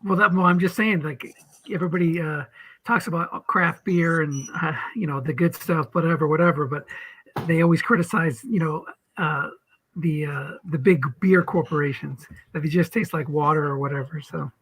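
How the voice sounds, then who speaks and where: A man's voice: fairly high pitch, fairly even intonation, normal speed, fairly bright tone, slightly rough, low-quality recording. A man co-hosting a casual league podcast, rambling with lots of restarts. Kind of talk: casual chat.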